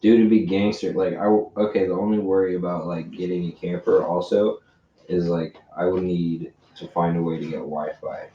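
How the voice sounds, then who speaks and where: A man's voice: low voice, level tone, normal speed, mellow. A young man co-hosting a podcast in casual, slangy chat with plenty of swearing. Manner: laid-back, swears a lot, slangy. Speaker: podcast co-host. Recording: roomy, distant, dull lo-fi mic with faint hiss.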